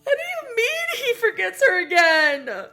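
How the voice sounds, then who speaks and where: A woman's voice: on the high side, moderate pace, faint music behind. An actress playing an emotional young woman who reads a story aloud and is easily moved. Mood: tearful. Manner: expressive, easily moved to tears. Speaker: story reader.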